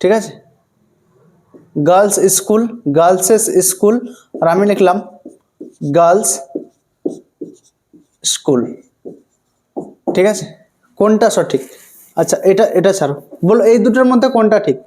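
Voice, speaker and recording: A man's voice: high voice, expressive, moderate pace, long pauses, darkish tone. Male teacher who keeps checking understanding. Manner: repeats points and keeps asking students for confirmation; asks questions and answers them himself. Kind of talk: online grammar lesson.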